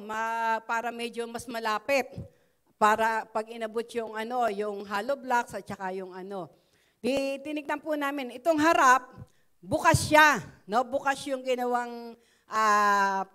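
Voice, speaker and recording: A woman's voice: sits high, a bit bright. A middle-aged Filipino woman giving a chatty spoken testimony in church, full of fillers and "no?" tags. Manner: conversational, frequent "no?" tags and fillers.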